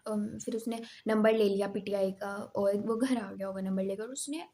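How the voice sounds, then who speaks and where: A young woman telling a personal story in a casual, emphatic, animated way. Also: mid-range voice, moderate pace, a little hiss or hum.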